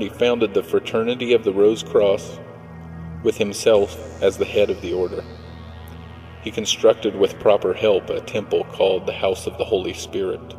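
A male reverend reading a doctrinal text aloud in a measured, formal way. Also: lowish voice, a little mellow. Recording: long hall reverb with faint music.

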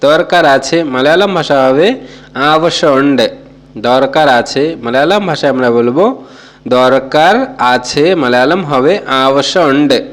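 A man teaching a language lesson, repeating each phrase slowly and carefully. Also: mid-range voice. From Bangladesh. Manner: slow careful repetition of phrases.

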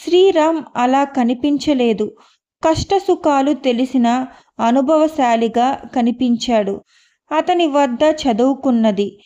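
Slow, high-voiced woman reading a story. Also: highs cut off. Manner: calm, measured storytelling. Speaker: audiobook narrator. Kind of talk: scripted story narration.

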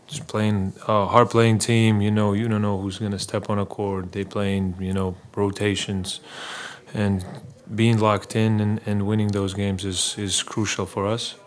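At a postgame press conference, a basketball player with a low, flat voice responds to questions haltingly, often repeating words and filling gaps. The setting is a small press room, and the table mic sits right in front of him.

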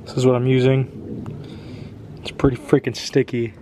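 In a casual DIY vlog filmed on a handheld phone, a young man in his home garage talks to camera about his own truck build while working, chatty and poking fun at himself. His mid-range voice is warm and unhurried with little pitch movement, against slight background noise.

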